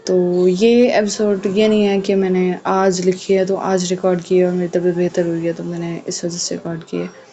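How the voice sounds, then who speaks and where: A woman reading a romance novel aloud as an audio-novel narrator, with even, unhurried storytelling, on a dull lo-fi recording with faint hiss. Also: lowish voice.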